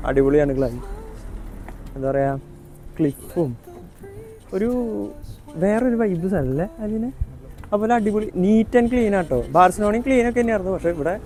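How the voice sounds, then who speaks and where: Male Malayali travel vlogger, slightly high pitch, casual chat with English mixed in, light music underneath. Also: a little mellow. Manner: mixes English words and phrases into Malayalam. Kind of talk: casual vlog chat to viewers and friends. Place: outdoors at a pool and streets.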